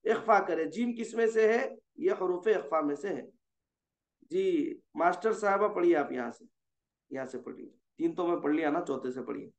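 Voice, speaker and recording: Teaching tajweed in an online lesson, a man with a fairly high, animated voice and some vocal fry walks students through Quran recitation rules. He stays patient, stops frequently to confirm they've understood, and slows for long, drawn-out examples, all in a dull, echoey room.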